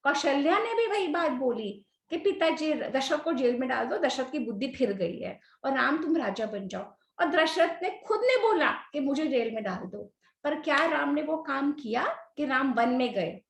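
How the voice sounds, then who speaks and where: Animated high-voiced woman telling stories to children. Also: normal speed, reverberant. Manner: animated, questions children by name, mixes English words. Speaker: storytelling teacher for children. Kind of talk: online class storytelling.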